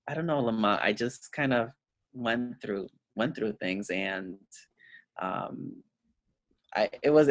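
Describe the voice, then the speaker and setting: A man's voice: mid-range voice, no echo. Hesitant man from Puerto Rico. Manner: hesitant, many fillers and restarts. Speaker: guest educator. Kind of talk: casual interview talk.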